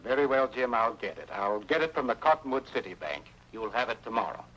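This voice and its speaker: A man's voice: mid-range voice, lively intonation, fairly quick, a bit bright, muffled recording. An actor playing a weary, resigned small-town banker with a fatherly manner.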